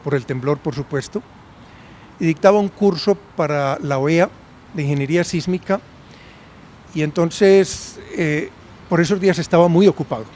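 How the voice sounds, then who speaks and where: A man's voice: on the high side, moderate pace, long pauses, a little mellow, a little hiss or hum. A university professor in his sixties from Medellín, Colombia, telling his story in a conversational interview and often checking in with a questioning "right?".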